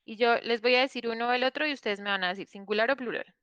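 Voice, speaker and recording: A woman's voice: on the high side, fast, a bit bright, clear, resonant tone, dry recording, muffled recording. A woman teaching an online English class, explaining patiently and checking in often with her students.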